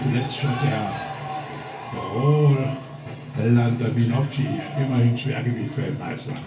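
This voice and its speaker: A man giving live ringside television commentary on a fight. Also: medium pitch. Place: ringside in a large arena. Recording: echoey, distant, loud music and crowd. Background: loud crowd and music.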